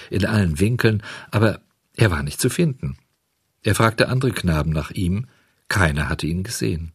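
A man narrating a storybook and talking straight to his listeners. His voice is low and gravelly with a husky edge. The sound is dry and close. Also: no room sound. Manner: warm storytelling, addressing listeners. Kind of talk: storybook reading.

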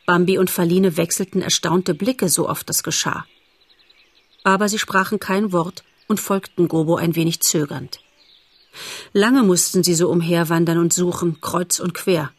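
A woman narrating a children's animal story in a calm, measured audiobook style. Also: fairly low pitch, dry recording.

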